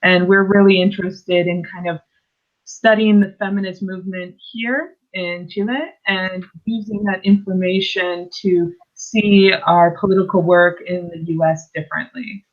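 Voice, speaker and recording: A woman's voice: on the low side, fairly even intonation, a little slow, muffled recording. Remote US woman panelist, phone-thin call audio, easygoing delivery. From United States. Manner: conversational, a few ums. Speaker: panel speaker. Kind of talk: presentation over a video call. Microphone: video call.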